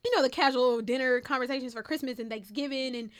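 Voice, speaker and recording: A young woman telling her college story in a casual interview, animated and full of fillers like "like" and "um". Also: high-pitched, fast talker. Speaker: interviewee, first-generation college graduate.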